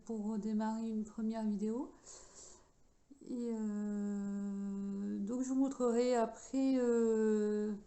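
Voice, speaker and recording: A woman's voice: on the high side, warm tone, poor audio. A woman hosting a casual craft tutorial in French with a slight English accent, talking chattily with many hesitations. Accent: English-tinged French.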